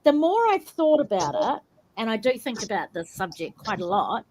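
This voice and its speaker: A woman's voice: fairly high pitch, sing-song, moderate pace, darkish tone, slight background noise, rough recording. A woman with a New Zealand accent hosting a casual podcast discussion in a chatty, informal way. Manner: chatty, informal, greets in Maori. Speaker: podcast host.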